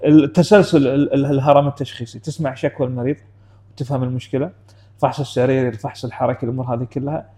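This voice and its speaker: A man's voice: mid-range voice, fairly even intonation, rapid-fire, warm tone. A man, a clinician explaining things in casual discussion and often checking in with his listener. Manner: explaining, frequent "you know how?" asides. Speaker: clinician guest.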